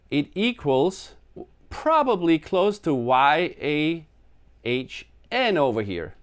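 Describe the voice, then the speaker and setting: His voice leans high and sounds clean. He's a Danish musician hosting a live stream from his apartment, talking casually and rambling on with self-deprecating jokes for his viewers.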